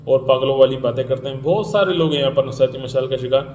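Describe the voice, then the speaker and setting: A man's voice: medium pitch, a little mellow, lo-fi sound, slight background noise. A man giving an indignant, ranting commentary, repeating himself and mocking others by mimicking them. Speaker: vlogger. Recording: echoey room with faint ambience.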